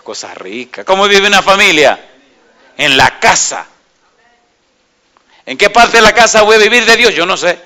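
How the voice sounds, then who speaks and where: A middle-aged man preaching a sermon, animated and often asking the congregation questions. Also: sits high, normal speed, pauses often. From Dominican Republic.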